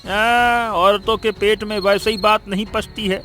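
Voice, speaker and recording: A greedy village schemer who brags loudly and stammers when cornered, played by a man. His voice sits high and he stretches his words out slowly. Faint music runs under this cartoon story. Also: steady tone. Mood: dismissive. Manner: blustering, stammers when caught out. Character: greedy boastful male villager, cowardly underneath. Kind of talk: cartoon voice acting.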